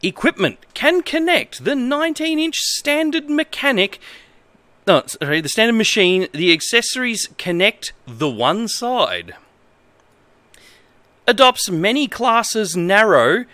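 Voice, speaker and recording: This Australian streamer, in his thirties, talks casually and gives a halting, comedic read-aloud full of amused emphasis while at a desk indoors. The recording is dry, and his voice is high-pitched with a sharp tone.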